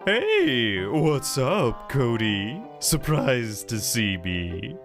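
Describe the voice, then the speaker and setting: A man's voice: medium pitch, huge pitch swings, extremely slow, fairly bright tone, full character voice. A man voicing a mysterious young warrior who gives cryptic, solemn advice in a slightly raised voice. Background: game music.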